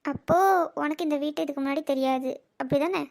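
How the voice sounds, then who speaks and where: A woman playing a high-voiced, teasing little sister. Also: steady tone, fast talker, darkish tone. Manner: needling, mock-threatening. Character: teen girl, teasing and scheming younger sister.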